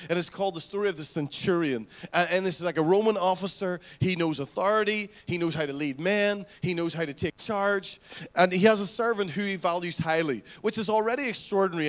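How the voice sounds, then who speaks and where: A man's voice: high-pitched, fairly bright tone. A man preaching a fervent, exhorting sermon full of rhetorical questions. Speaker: pastor.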